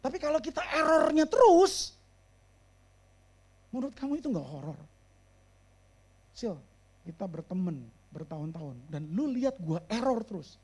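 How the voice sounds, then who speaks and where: Animated preacher man mixing in English. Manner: lively, slows down and raises his voice for emphasis; drops to a low, quiet voice for serious points. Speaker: pastor and therapist. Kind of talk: sermon.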